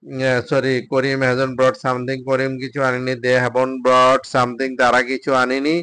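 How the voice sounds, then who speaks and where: A man, a Bengali speaker, teaching English drills by reading each sentence slowly and then translating it. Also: mid-range voice, completely flat delivery, a bit bright, smooth, dry recording. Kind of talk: spoken English drill lesson.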